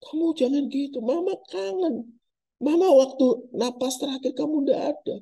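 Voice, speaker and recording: A man voicing a deceiving spirit that poses as a dead mother, speaking in a high pleading voice. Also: normal speed, creaky, warm tone. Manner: coaxing then raging, high voice.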